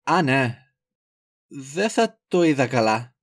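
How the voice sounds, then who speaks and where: A man's voice: medium pitch, sing-song. An actor playing a clueless, fussy young man who dithers and rambles. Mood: dithering. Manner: dithering and goofy.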